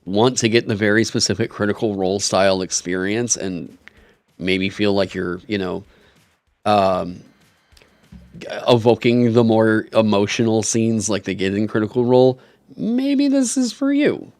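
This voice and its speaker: A man's voice: on the low side, animated, unhurried, darkish tone, no echo. A man co-hosting a casual chat about a tabletop game, reading rules aloud and giving wry, frank opinions with lots of fillers, hiccuping now and then. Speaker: co-host reviewing a tabletop game.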